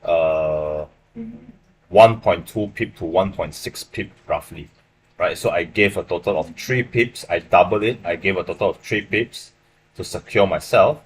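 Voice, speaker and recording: A man's voice: deep voice, a little slow, slight background noise. A young man from Malaysia with a Malaysian English accent, casually walking viewers through his trades on a live stream and often checking in with "right?". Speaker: livestream forex trader. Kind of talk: live trading stream commentary. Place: small room indoors.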